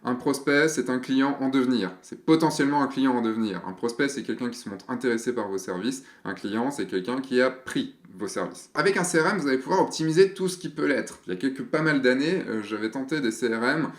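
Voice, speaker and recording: A man in his thirties hosts a casual explainer video for fellow photographers. He talks in a chatty, rambling way, full of fillers and restarts. His mid-pitched voice rings with the echo of a bare room. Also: a little fast, few pauses.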